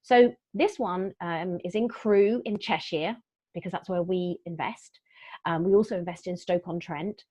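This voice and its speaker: In a mellow, mid-range voice, a middle-aged woman chats cheerfully through a property investment webinar, with frequent fillers and false starts. There's no room sound; the webinar audio is dry, dull and lo-fi.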